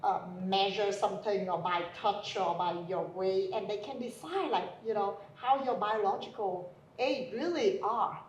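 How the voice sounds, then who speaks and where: A woman's voice: mid-range voice, moderate pace, dull audio. A woman hosting an interview, asking questions hesitantly and searching for her words. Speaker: channel host. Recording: roomy, distant mic with faint background noise.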